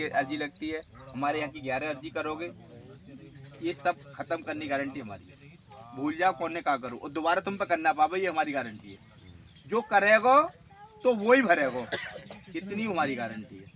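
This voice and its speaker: A man with a high voice gives firm spiritual advice to a visitor. He talks in an assertive, insistent way, and often stops to check he is understood. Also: normal speed, a bit bright. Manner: assertive, repeats "guarantee" and checks "ठीक है?". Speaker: faith healer at a shrine. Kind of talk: advising a visitor.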